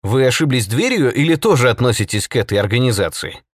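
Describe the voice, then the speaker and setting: A man's voice: mid-range voice, sing-song, quick pace, dry recording, studio quality. A man voicing a male newspaper reporter with grim irony. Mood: wry. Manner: grimly ironic.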